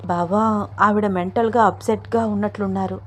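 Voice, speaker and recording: A woman's voice: medium pitch, steady tone, fairly quick, a little hiss or hum, lightly acted. An anxious young woman who keeps urging her companion to go, as a woman narrator puts her on. Her tone is worried and insistent. This is a storybook reading.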